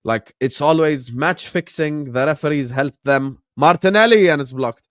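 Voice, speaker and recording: A man's voice: on the high side, moderate pace, fairly bright tone, no echo, studio quality. A man in his late twenties from the Gulf, hosting a football watchalong live stream with slangy, laid-back chat. He chuckles often and answers viewers directly. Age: late 20s. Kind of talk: casual chat, reacting to a match and reading chat.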